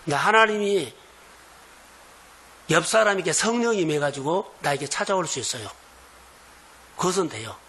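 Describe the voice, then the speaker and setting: A man preaching a sermon as pastor of a church, in earnest, slow, emphatic phrases. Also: a little high, expressive, pushed and bright. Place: church sanctuary.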